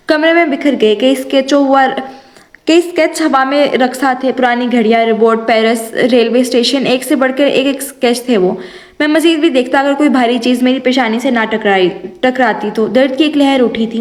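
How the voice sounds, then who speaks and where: A young woman narrating an audio novel with lively first-person storytelling. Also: on the high side. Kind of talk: reading an audio novel aloud. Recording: roomy echo.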